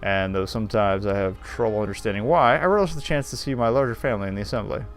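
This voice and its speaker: Reading a visual novel's narration aloud at a quick pace, this male game streamer has a lowish voice and drops dry, sardonic comments along the way, with faint music in the background.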